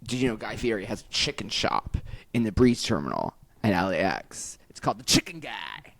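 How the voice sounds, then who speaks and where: Animated man chatting on a podcast. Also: fairly low pitch, brisk, creaky, no echo. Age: 30s. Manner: animated, laughing, jumps between topics. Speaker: podcast co-host. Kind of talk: casual chat.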